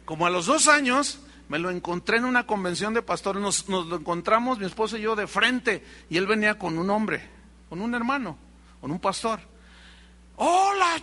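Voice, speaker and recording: Mexican pastor guy preaching, high voice, really bright and cutting, acts out the people in his story. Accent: Mexican Spanish. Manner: storytelling, acts out quoted dialogue, addresses congregation directly. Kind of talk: sermon.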